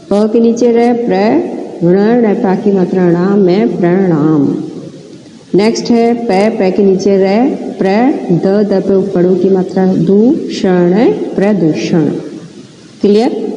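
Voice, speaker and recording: Slow, dark-voiced woman teacher. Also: mid-range voice, lo-fi sound. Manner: slow, syllable-by-syllable spelling with frequent check-ins. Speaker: Hindi teacher for children. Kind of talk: classroom lesson, spelling words aloud. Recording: echoey room with long reverb, faint noise.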